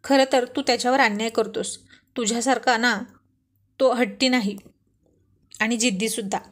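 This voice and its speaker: Playful young wife, chiding and bossy, bright higher voice, read by a woman narrator. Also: fairly even intonation, moderate pace, close to an everyday voice. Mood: teasing.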